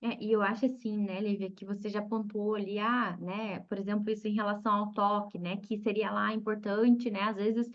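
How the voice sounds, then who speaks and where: A woman's voice: medium pitch, flat delivery, normal speed, hardly any pauses, lo-fi sound. A Brazilian woman hosting an interview, talking reflectively and tagging her sentences with "né?". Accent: Brazilian Portuguese. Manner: frequent "né?" tag questions, reflective. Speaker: host, psychologist. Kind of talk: interview conversation.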